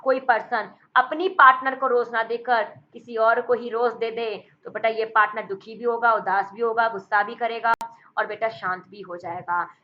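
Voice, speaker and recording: Woman, exam vocab tutor; playful, jokey, teasing tone with students; fairly high pitch, muffled lo-fi recording. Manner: playful, uses memory tricks and jokes; addresses students as beta and bhai. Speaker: vocabulary teacher. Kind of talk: exam-prep vocabulary lesson.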